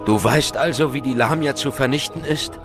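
A man's voice: medium pitch, moderate pace, natural voice. An actor playing a grave, intense hero who narrates his supernatural ordeal in a horror audio drama. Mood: earnest appeal. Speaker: narrator and protagonist. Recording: loud music behind the voice.

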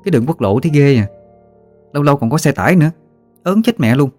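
A man's voice: fairly high pitch, animated, fast talker, a little mellow, no room sound, faint music behind, pitched above the performer's own voice, lightly acted. A man voicing a timid young woman with a Southern Vietnamese accent who whines nervously.

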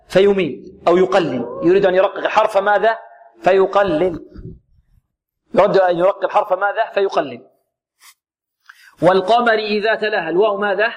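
A man teaching Quran recitation rules, asking questions and answering them himself, and drawing out the recited words slowly. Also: sits high. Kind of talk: tajweed lesson with recited examples.

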